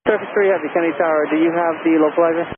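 Male tower controller, slightly high-pitched and rapid, air traffic control radio instructions through a tinny channel. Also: steady tone. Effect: aviation radio.

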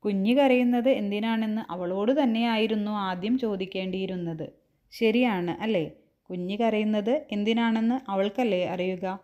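A woman teacher explaining a textbook lesson to young children, gently asking questions and answering them herself. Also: mid-range voice, dull audio.

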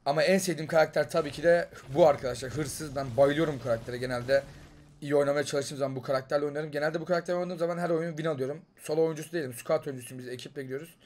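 A young man with a Turkish accent talks his viewers through a match as he plays. His voice sits a little high for a man, and he swings between sudden loud outbursts and quiet muttering to himself. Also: racing, a little hiss or hum. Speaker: gaming YouTuber. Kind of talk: excited gameplay commentary.

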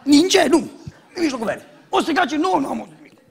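Brief: male pastor, high and very lively sermon voice, acts out dialogue. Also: vocal fry. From Romania. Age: young adult. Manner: animated storytelling, acts out shouts and dialogue, jokes.

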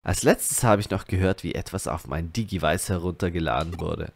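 A man reading game dialogue and narration aloud as a let's player, lively and shifting between characters' lines. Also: sits low, fairly quick, gravelly, dry recording.

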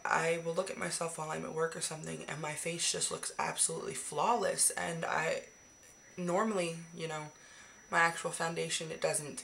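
Hoarse after the flu, a beauty vlogger in her twenties rambles chattily about her makeup favorites of the month, swearing casually in a fairly bright tone. Her somewhat low voice cracks into gravelly fry. The recording comes from a webcam at arm's length in her small decorated bedroom, with faint background hiss.

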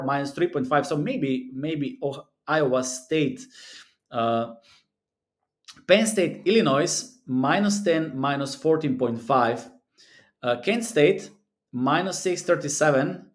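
A European sports betting analyst whose first language is South Slavic records on-screen commentary in a small indoor room. He speaks earnestly and repetitively, working through numbers with lots of fillers, in a voice on the high side with lively intonation and a slightly slow pace.

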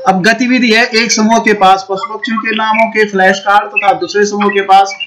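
A man's voice: sits high, flat delivery, a little fast, background noise. A man teaching a Sanskrit lesson to young children, coaxing them to answer, repeating prompts and imitating animal sounds.

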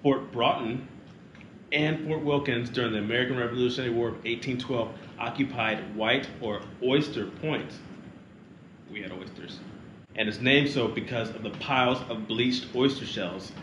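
A man's voice: mid-range voice, moderate pace. A man chatting casually on a family travel vlog, reading facts aloud and joking with a child. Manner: joking, playful, teasing a child. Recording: echoey room with steady background noise.

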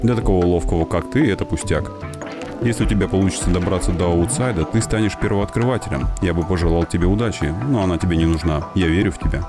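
A man playing a serene meditating robot in a video game speaks with a low voice. The manner is measured and kindly, that of a wise mentor, with music clearly behind it. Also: lightly acted. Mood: calm, welcoming. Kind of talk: reading game dialogue aloud.

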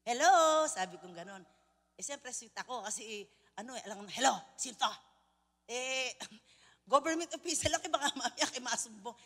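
A Filipino woman preacher giving an animated sermon, telling stories with frequent laughter. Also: a little high, a little fast, in a large hall. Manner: animated storytelling, mixing in laughter and English phrases.

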